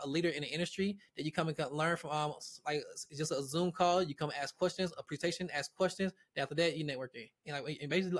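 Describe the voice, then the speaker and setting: A man who is a guest on an interview show, talking casually about his platform with many restarts and repeated words. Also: a little high. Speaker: guest, real estate platform founder.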